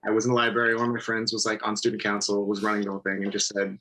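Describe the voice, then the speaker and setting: Fast-talking young man. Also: fairly low pitch, monotone, fairly bright tone, poor audio. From Nova Scotia, Canada. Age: early 20s. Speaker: stem cell donor, interview guest. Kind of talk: casual conversation.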